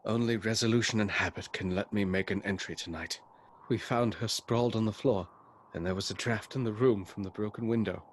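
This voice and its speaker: An actor playing an earnest, solemn doctor who narrates his journal in a measured, dramatic way. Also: on the low side, a little hiss or hum, close to an everyday voice. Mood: weary, horrified. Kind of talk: radio play narration and acting.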